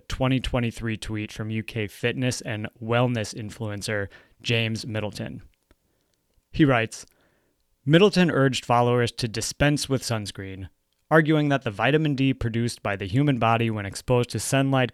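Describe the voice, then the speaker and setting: A man, a dermatologist, reading aloud from his own book in a dry, wry and measured way. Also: medium pitch, no room sound.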